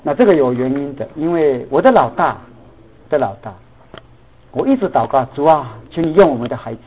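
A middle-aged man preaching a sermon, telling a family story in an animated way and mixing English words into his talk. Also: fairly high pitch, fairly quick, slight background noise. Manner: animated, acts out dialogue, mixes in English words. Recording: tinny phone-like sound.

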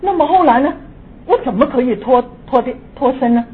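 A woman's voice: sits high, fairly quick. Older woman telling a ghost story. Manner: lively, swings between hushed and excited. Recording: tinny phone-like audio with faint hiss.

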